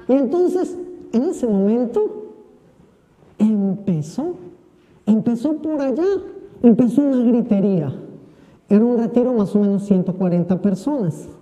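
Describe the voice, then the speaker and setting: A priest giving a homily during Mass, telling a humorous personal story and acting out the voices of the people in it. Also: male voice, extremely high pitch, warm tone, big-room sound.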